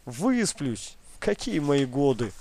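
A man voicing a gentle young grandson. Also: mid-range voice, sing-song, slow. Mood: soothing. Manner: concerned, soothing. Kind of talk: audiobook reading.

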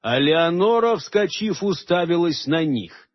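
Husky male audiobook narrator. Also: on the high side, lively intonation, a little slow. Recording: dull lo-fi radio recording.

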